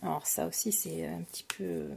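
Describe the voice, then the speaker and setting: A woman's voice: low-pitched, steady tone, brisk, vocal fry, slightly rough. A French woman casually showing her craft supply purchases on camera, talking with many hesitations and fillers. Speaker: crafting vlogger. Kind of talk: casual product haul.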